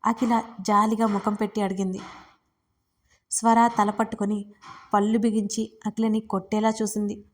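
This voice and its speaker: A woman narrating her own romance audiobook. She reads in a steady, expressive storyteller's manner, at an ordinary mid pitch. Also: normal speed, pauses often. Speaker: storyteller and writer.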